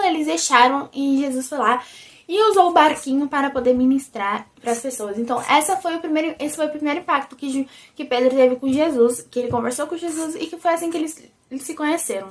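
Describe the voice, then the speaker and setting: In her casual vlog about religion, a young vlogger with a Brazilian Portuguese accent chats animatedly in a high, squeaky voice that sounds nearly childlike. She repeatedly addresses her audience, frequently saying "gente."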